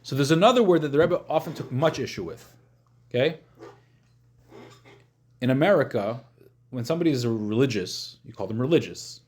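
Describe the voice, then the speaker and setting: A man's voice: mid-range voice, lively intonation, normal speed, long pauses, darkish tone. Questioning male rabbi teaching informally. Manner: questioning, checks in with listeners using short questions. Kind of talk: informal religious lesson, explaining and translating.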